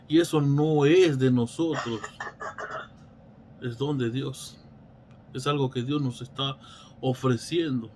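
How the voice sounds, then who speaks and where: A man's voice: mid-range voice, slight background noise. A man teaching a Bible study in a preacherly way, asking rhetorical questions and often restarting his phrases.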